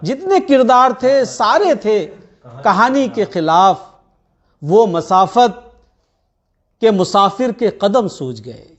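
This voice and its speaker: High-pitched man declaiming Urdu poetry. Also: very animated, lo-fi sound. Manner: declamatory, repeats lines with deliberate phrasing. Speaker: poet reciting at a gathering. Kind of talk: Urdu ghazal recitation, couplets repeated for listeners.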